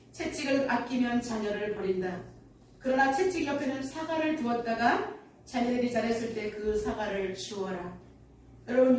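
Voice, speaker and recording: A woman's voice: a little high, a little mellow, slight background noise. A woman pastor preaching a sermon earnestly and telling a story, recorded in a church sanctuary from a distance. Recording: echoey church hall from afar.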